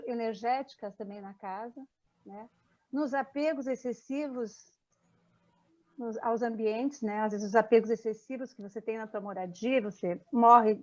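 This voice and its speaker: Woman participant, reflective and halting, higher voice, dull muffled recording. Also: a little mellow. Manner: hesitant, many restarts. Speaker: meeting participant. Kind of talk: casual group discussion. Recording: muffled lo-fi audio.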